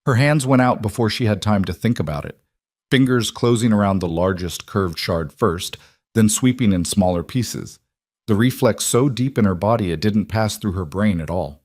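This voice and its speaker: A man with a low voice reads a scripted story aloud. His delivery is measured and grave. The sound is dry and close, with no room around it. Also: a little mellow, no room sound. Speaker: narrator.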